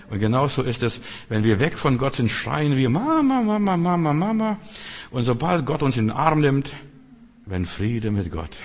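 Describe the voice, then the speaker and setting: A man preaching a sermon in an earnest way, acting out quotes and dropping to soft tones. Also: medium pitch, slightly rough. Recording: long reverb in a large hall.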